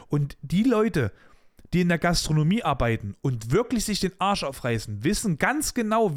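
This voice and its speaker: Blunt, chatty man telling a story. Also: a little high. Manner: blunt, animated retelling of a workplace dispute with colloquial asides. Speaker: podcast host. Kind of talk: casual storytelling monologue.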